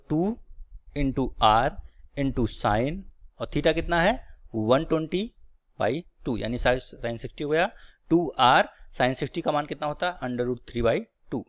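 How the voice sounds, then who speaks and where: A man teaching a physics class at a board, working through each step and often checking in with his students. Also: medium pitch. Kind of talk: blackboard physics lecture.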